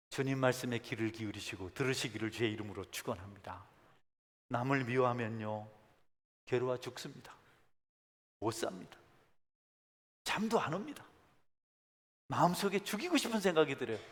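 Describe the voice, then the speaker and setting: A male pastor preaching a sermon. He swings from soft asides to emphatic calls. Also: medium pitch. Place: church sanctuary. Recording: long church hall reverb.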